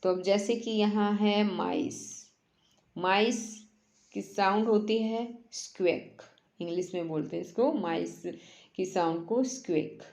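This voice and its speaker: A woman teacher, explaining a workbook lesson in Hindi and reading English lines slowly, word by word. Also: medium pitch, gravelly, darkish tone, reverberant.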